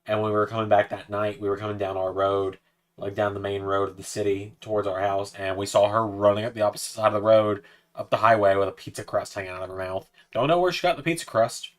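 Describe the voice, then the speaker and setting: Young male streamer, low-ish voice, casual chatty delivery, coaxing sing-song when addressing a pet. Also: steady tone, fast talker. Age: 20s. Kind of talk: casual livestream chat.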